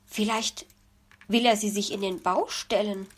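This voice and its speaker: A woman voicing a kind, calm hedgehog mother in a children's story, speaking softly and gently. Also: mid-range voice, a little slow, lightly acted. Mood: gentle. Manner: soft, gentle, sniffs "nuff nuff". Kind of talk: storybook reading.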